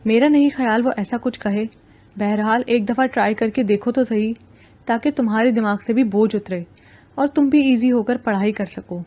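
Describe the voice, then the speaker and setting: A woman voicing a gentle, supportive young male friend who talks in a coaxing, reassuring way. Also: fairly high pitch, lightly acted.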